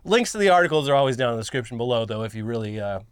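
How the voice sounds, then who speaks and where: A man's voice: medium pitch, lively intonation, very fast, smooth, no echo, clean studio sound. A man co-hosting a casual news commentary show, reading articles aloud and riffing bluntly with swearing.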